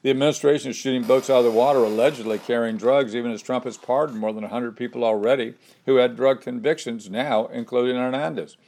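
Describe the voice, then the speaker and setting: Hosting a commentary piece, an older man works from a script and offers his opinions in a measured way. His pitch sits in the middle range, and his delivery never loses its steady, deliberate pace.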